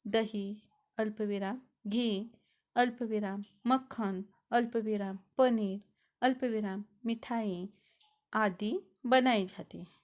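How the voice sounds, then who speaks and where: A woman teaches a grammar lesson to young children. She speaks at an unhurried, deliberate pace in a fairly high voice, and she puts strong emphasis on each example sentence she reads.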